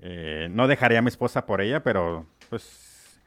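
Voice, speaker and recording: A man's voice: on the low side, animated, moderate pace, fairly bright tone. A Mexican man co-hosting a show, in casual crude banter, slangy and laughing often. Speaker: podcast co-host.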